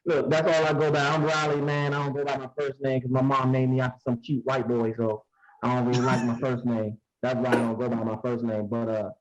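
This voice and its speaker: A man's voice: mid-range voice, flat delivery, fairly quick, slight background noise. A man who is a comedian and coach, chatting in a laid-back, joking way over a muffled, underwater-sounding phone mic. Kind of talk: casual podcast chat over a call. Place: newly moved-into room at home.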